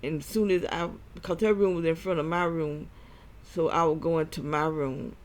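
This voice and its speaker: Here a man talks at length about himself in vlog style, breathless and halting, with frequent false starts. His pitch is moderate and his tone stays steady.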